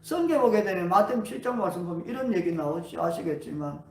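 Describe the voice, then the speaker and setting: Pastor, revival sermon, animated, rhetorical questions, echoey sanctuary, distant mic. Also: medium pitch, quick pace. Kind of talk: sermon at a healing revival meeting. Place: church sanctuary. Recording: roomy church hall, voice away from mic.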